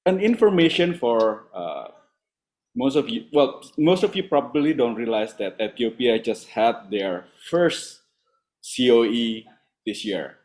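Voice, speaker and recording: Male moderator on video call, friendly, halting delivery. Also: mid-range voice, lively intonation, darkish tone. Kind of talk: webinar moderation.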